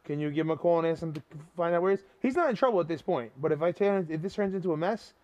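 A man working as a bail bondsman, questioning people on a doorstep in a pushy, fast, insistent way. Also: fairly high pitch, darkish tone, dry recording. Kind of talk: doorstep confrontation. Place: outdoors at a house doorstep at night. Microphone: body-worn camera. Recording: muffled body-worn camera audio.

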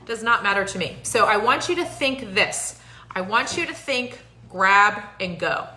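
Bright-voiced woman hosting a live stream. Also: mid-range voice, lively intonation, unhurried, roomy sound. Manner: encouraging, chatty, many fillers. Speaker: host. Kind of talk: casual live-stream talk. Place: home living room, indoors. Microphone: phone at arm's length.

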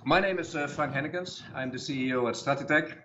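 A man's voice: a little high, fast talker, pushed and bright, slight background noise. A middle-aged man from the Netherlands, a guest company head introducing himself on a video call from an office, friendly and hesitant with many fillers. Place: office with a chair behind. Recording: dull video call audio.

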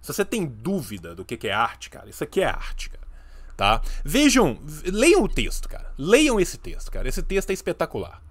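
A man's voice: on the high side, wildly swooping pitch, brisk. A man in his thirties with a Brazilian accent, hosting a casual live reaction stream with emphatic, ironic asides.

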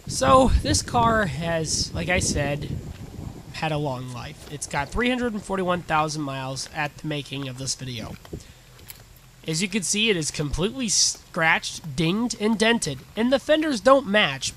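A man's voice: a little high, fairly bright tone. A young man with a nasal, stuffed-up voice from a sinus infection, giving a blunt, casual car review with some swearing.

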